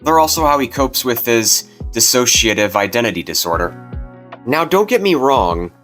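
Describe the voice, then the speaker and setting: A man's voice: mid-range voice, big pitch swings, normal speed, fairly bright tone. A man hosting a video, giving casual scripted commentary. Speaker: video host. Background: music.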